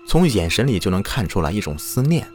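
Lively male ghost-story narrator, low voice. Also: a little fast. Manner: lively, acts out quoted shouts. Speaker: storyteller host. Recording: faint music underneath.

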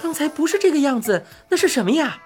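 A woman voicing a young girl in a storybook, who speaks in an excited, protesting way. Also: sits high, quick pace, soft background music, pitched above the performer's own voice. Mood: indignant. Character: young girl, alarmed and indignant.

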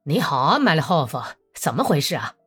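A smooth, sly Cossack commander, performed by a woman narrator in a novel reading, coaxing his comrade along. His delivery rises and falls in a lively, persuasive way. Faint music hums underneath. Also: low voice, fairly quick, full character voice. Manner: cajoling, persuasive.

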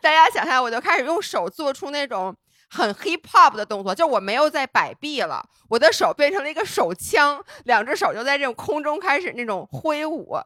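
Bright high-voiced teasing woman. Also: sing-song, fairly quick, dry recording, studio quality. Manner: playful teasing. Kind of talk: casual chat.

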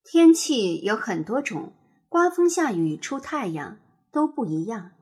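A woman narrates a children's picture book in an expressive, sing-song way. Her voice sits fairly high with a husky, breathy texture. Her pitch swoops and bounces lively through each line. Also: measured pace. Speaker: storyteller.

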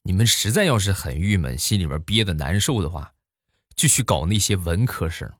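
A man's voice: low voice, big pitch swings, brisk. A man telling funny everyday stories in a comic monologue, playful, with exaggerated punchlines. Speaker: comedian.

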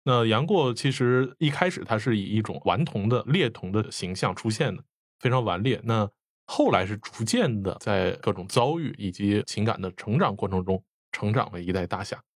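A man's voice: fairly low pitch, lively intonation, normal speed, dry recording, clean studio sound. A man hosting an interview, asking polite, articulate questions of his guest. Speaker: interviewer host.

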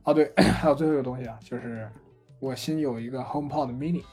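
A man co-hosting a casual podcast chat, telling anecdotes in a lively, chatty way. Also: medium pitch, quick pace, breathy edge, faint music behind. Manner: chatty storyteller, animated retelling of anecdotes. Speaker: podcast co-host. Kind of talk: casual chat about gadgets.

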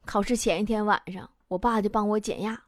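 A woman's voice: medium pitch, fairly even intonation, fairly quick, slight background noise. A young woman hosting a comic storytelling monologue in a wry, self-mocking, chatty way. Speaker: host.

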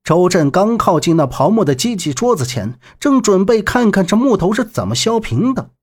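Husky man narrating a serialized novel. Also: sits high, sing-song, normal speed. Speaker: audiobook narrator.

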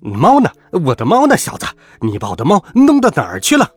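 A man's voice: a little high, huge pitch swings, brisk, faint music behind, exaggerated voice. Man doing a hot-tempered bald bully. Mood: threatening. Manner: gruff threats, then panicked yelling.

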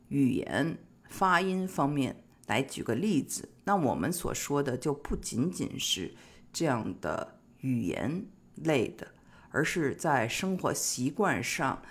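Middle-aged host from china, chatty advice talk, keeps pausing on little filler words, mid-pitched voice. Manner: chatty and explanatory, frequent pauses on filler particles. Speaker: host of an immigration-advice show. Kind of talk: casual advice monologue.

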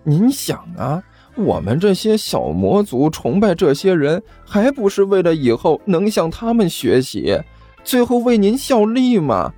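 A jittery little demon lackey stammers and gushes in a high, bouncing voice, as a male storyteller puts him on. He races from stammer to flattery, his pitch swinging wildly. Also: measured pace, faint music behind, exaggerated voice. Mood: eager. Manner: stammering, breathless and gushing. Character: excitable stammering male low-rank demon servant.

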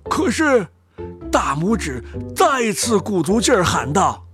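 Slow, lively storybook reader. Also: medium pitch, over music. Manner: slow, expressive, drawn-out phrases. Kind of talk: storybook reading.

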